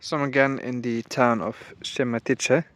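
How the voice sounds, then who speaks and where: Calm man with a flat voice. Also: medium pitch, normal speed, no room sound. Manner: relaxed, musing, thinking aloud. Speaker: travel vlogger. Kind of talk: casual walking vlog narration. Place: outdoors on small-town streets.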